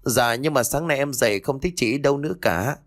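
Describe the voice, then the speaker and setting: A man's voice: mid-range voice, brisk, no echo, studio quality, voice pushed up, lightly acted. A man voicing a frightened young girl from a wealthy house who pleads and weeps. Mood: pleading, tearful. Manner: pleading, tearful.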